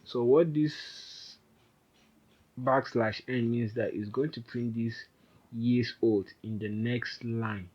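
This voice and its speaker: A man's voice: medium pitch, steady tone, takes it slowly, darkish tone, breathy edge, muffled recording. A man giving an informal, rambling coding tutorial, often correcting himself as he types. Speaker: programming instructor. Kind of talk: casual screen-recorded coding tutorial.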